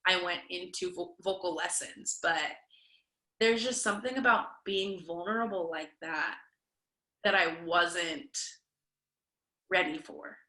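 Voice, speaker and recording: A young woman who dances and teaches fitness speaks candidly as an interview guest, reflecting openly on herself and using plenty of fillers. Her voice is lowish with a sharp edge, unhurried, with long pauses. The audio is poor and sounds roomy.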